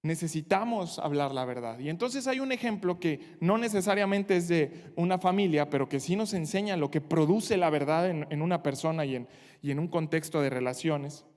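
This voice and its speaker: A man preaches a sermon in an earnest, direct way, speaking straight to his congregation. His voice sits high for a man, and a long reverb from the church hall trails after his words. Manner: earnest preaching, addressing the congregation directly, acting out short quotes. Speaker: pastor.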